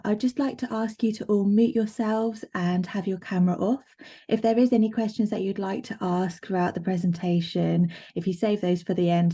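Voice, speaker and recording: A woman sign language interpreter speaks as a live voice-over for a signed talk, rendering it in first person as it happens. Her voice sits a little low and sounds soft and mellow, steady with fillers and restarts, over a video call. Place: online video meeting.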